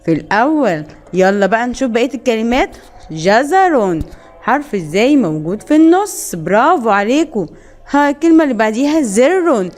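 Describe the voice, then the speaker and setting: Egyptian woman, kindergarten teacher, slightly high voice, slow drawn-out letter sounds. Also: very animated, darkish tone. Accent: Egyptian Arabic. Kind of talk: children's phonics lesson.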